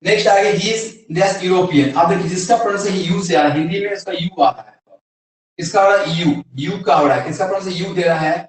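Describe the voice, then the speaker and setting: A man with an Indian accent, an English teacher, gives a classroom grammar lesson in a high-pitched, brisk voice. He poses questions and then answers them himself. The room is very echoey, and he sounds far from the mic.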